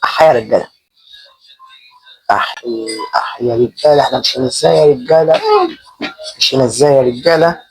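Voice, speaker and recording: A husky, mid-range male voice, a little fast and full of pauses, belongs to a young Egyptian-accented gaming channel host doing casual Minecraft let's play commentary. He jokes about himself and yelps nervously when things go wrong. The rough, dry recording has faint music behind it.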